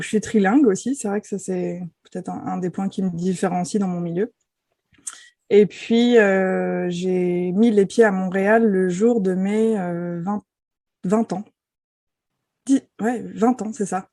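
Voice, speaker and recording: A woman's voice: mid-range voice, mellow, no room sound, clean studio sound. A woman in her forties from France with a Parisian French accent, telling her story as a podcast guest in a thoughtful way with many hesitations. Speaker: guest, enneagram expert. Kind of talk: casual chat.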